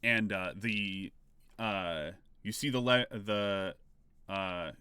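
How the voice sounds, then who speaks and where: A man runs a tabletop role-playing session as game master, his narration laid-back and full of pauses. His voice sits a little low and comes out forceful and crisp, close and dry. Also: no room sound.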